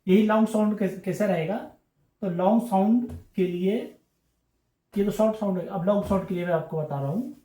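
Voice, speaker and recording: A man's voice: high-pitched, a little fast, dark tone. Patient man teaching in an echoey room. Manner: patient, repetitive explaining, checking in often. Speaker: English teacher. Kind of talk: classroom-style grammar lesson.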